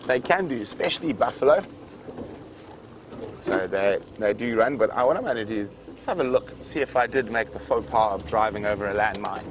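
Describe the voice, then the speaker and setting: This safari guide's lowish voice is animated and a little fast as he narrates a live game drive from an open vehicle. He describes the savanna wildlife conversationally and off the cuff, against noisy outdoor vehicle ambience.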